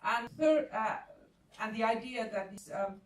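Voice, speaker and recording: A woman media scholar giving measured remarks on an academic panel, soft-spoken and pausing with frequent fillers. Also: on the high side. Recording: echoey room from far off, faint hiss.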